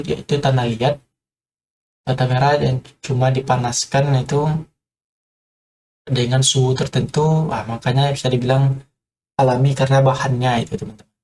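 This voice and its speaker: A man with a mid-range, darkish voice gives a hesitant, informal construction tutorial peppered with filler sounds. He speaks to his viewers as friends.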